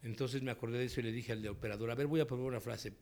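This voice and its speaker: Mexican man, voice actor, lively storyteller, acts out quotes, faint noise behind. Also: medium pitch, very fast. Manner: animated storyteller, acts out quotes, laughs often. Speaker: voice actor and dubbing director. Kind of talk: relaxed interview storytelling.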